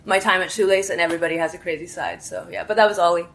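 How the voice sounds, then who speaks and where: A woman with a slightly low voice answers questions in a casual interview. She is a startup worker who talks in an informal, chatty way. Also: steady tone, very fast, creaky.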